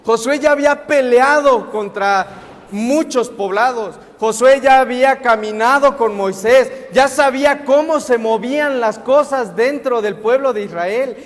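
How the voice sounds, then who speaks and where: A man's voice: extremely high pitch, a little slow. A young man preaching as a guest preacher in a church, asking the congregation questions and answering them himself. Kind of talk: sermon. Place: church sanctuary. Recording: echoey hall with long reverb.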